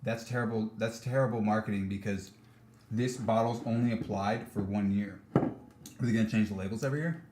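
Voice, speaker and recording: A man's voice: on the low side, steady tone, a little fast. A man co-hosting a podcast in casual chat, throwing in playful interjections. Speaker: podcast co-host. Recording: echoey room with clear noise.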